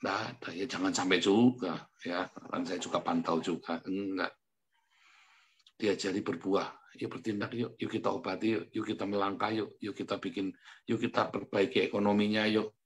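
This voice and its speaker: A man preaching a sermon in an easy, conversational way, as if chatting with the congregation and often turning to address them directly. He laughs at himself as he goes. His quiet asides give way to sudden loud outbursts. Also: fairly low pitch, fairly even intonation, moderate pace. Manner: self-mocking, laughs as he talks. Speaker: pastor.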